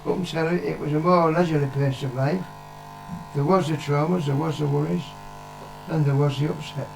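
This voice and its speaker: An older man from the UK, interviewed by his vlogger child, chats casually and gives blunt, plain-spoken opinions, swearing and repeating points for emphasis. His slightly high voice is gravelly, a little mellow, brisk and fairly even, heard over soft background music in a rough recording.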